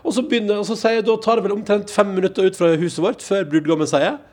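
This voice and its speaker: A man hosting a podcast, telling a long anecdote in casual chat and acting out what people said. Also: high-pitched. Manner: animated anecdote-telling, acts out quoted voices. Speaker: podcast host.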